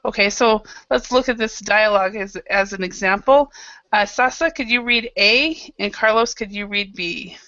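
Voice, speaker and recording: A woman from Idaho leads an online English class with a bright, forceful voice. She sounds patient and encouraging, leaning on plenty of fillers. Her voice is dry and close, over slightly dull lo-fi video-call audio. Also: mid-range voice, normal speed, no echo. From Idaho, United States. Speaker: English teacher.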